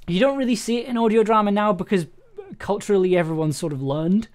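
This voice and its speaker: A young adult man, an audio drama maker, hosts a livestream from a small indoor room at home. He chats casually, rambling and hesitant, often breaking off and restarting sentences, in a high-pitched, fast voice with a darkish tone.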